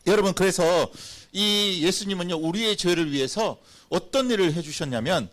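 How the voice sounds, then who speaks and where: A man pastor giving a lively, playful children's sermon and having the children repeat after him. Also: high-pitched, moderate pace. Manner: animated, playful, acts out little scenes.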